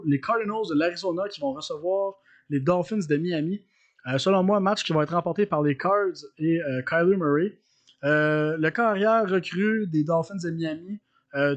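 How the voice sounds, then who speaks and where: A man with a Quebec French accent, co-hosting a sports podcast in casual chat, hesitant with many fillers as he analyzes games. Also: a little high.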